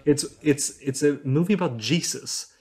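A man's voice: fairly high pitch, moderate pace, darkish tone, faint music behind. A researcher explains his work as a podcast guest. The man hesitates often and restarts his sentences with fillers. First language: Swedish. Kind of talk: podcast interview.

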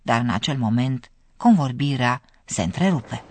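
A narrator giving scripted, measured explanations in a radio language course. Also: medium pitch, animated.

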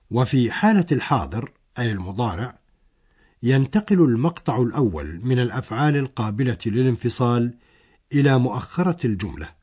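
Husky male lesson narrator. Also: mid-range voice, darkish tone. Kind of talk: scripted educational narration.

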